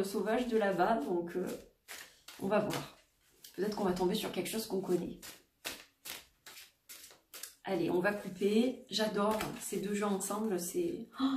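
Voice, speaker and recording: A woman doing a daily oracle card reading for her viewers, gentle and reassuring, often repeating herself. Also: mid-range voice, recorded from a distance. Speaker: tarot and oracle card reader. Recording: roomy echo, voice set back from the mic.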